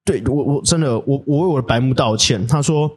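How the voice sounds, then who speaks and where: A man with a Taiwanese Mandarin accent, telling a story on a podcast in a crude, swearing, animated way. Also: medium pitch, quick pace, slightly rough. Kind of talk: casual chat.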